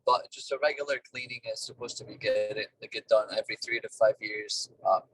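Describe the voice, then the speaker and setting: A man talking over a car speakerphone while driving, a business owner giving plain, halting explanations in a casual interview. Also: fairly low pitch, fairly even intonation, a bit bright, slight background noise. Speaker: duct cleaning business owner, guest. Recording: distant car speakerphone call.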